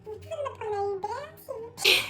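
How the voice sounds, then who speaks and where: A woman voicing a frail, timid older woman over fifty who speaks in a thin, high, hesitant and pleading way. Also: brisk, pushed and bright.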